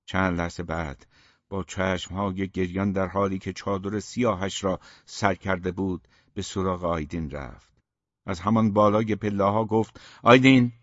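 Low-voiced man narrating a novel. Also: fairly even intonation, no echo. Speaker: audiobook narrator. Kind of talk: scripted literary narration. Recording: dull, muffled dry recording.

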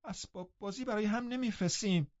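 A man's voice: high-pitched, darkish tone, dry recording, lo-fi sound, pitched above the performer's own voice, lightly acted. A man voicing a distraught teenage girl who pleads breathlessly between sobs, in an audiobook reading. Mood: offended.

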